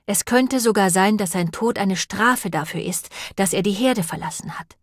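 A woman reading an audiobook and voicing a clever, thoughtful female sheep who reasons in a calm, deliberate way. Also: medium pitch, no echo, studio quality, natural voice. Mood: thoughtful reasoning.

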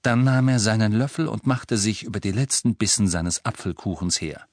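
A man narrating an audiobook in a measured, even way. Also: fairly low pitch, no room sound, studio quality. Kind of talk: scripted narration.

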